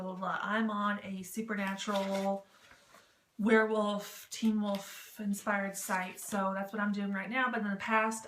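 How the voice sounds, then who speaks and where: Her medium-pitched, slightly bright voice carries a casual, jokey, self-deprecating talk to camera about written role-playing tips. She rambles informally as a vlog host, and the audio has a roomy echo plus clear background noise.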